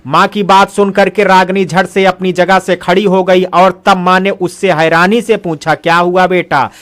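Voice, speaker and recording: A man narrating a romantic audio story in a steady, expressive storytelling manner. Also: high voice, normal speed.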